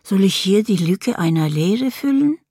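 A woman narrating a literary first-person story in a slow, poetic manner, sometimes dropping into a whisper. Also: medium pitch, lively intonation, mellow, breathy edge, no echo, studio quality.

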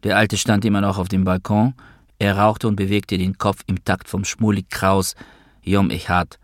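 A man reading a first-person novel as an audiobook in a measured, wry way. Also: sits low, level tone, dry recording, studio quality. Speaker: narrator.

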